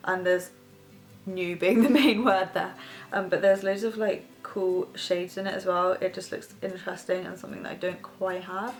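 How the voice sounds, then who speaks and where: A young woman chatting casually and rambling a little as she does her makeup, vlogging from her bedroom. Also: medium pitch. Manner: rambling, casual, talks while doing makeup. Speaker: beauty vlogger host. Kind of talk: chatty get-ready-with-me makeup tutorial. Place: bedroom, sitting on her bed.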